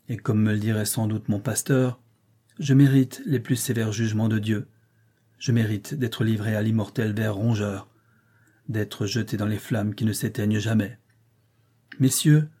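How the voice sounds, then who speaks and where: A man voicing a proud, brooding nobleman with a forceful, impassioned delivery in an audiobook reading. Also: fairly low pitch, husky. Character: brooding proud older nobleman, bitter and defiant.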